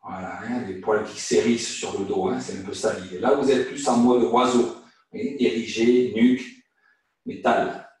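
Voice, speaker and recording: A man with a French accent teaching an online qigong class, guiding calmly with frequent "hein" and "voilà". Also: lowish voice, moderate pace. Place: room at home or studio, teaching over video call. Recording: echoey room, voice from far off the mic.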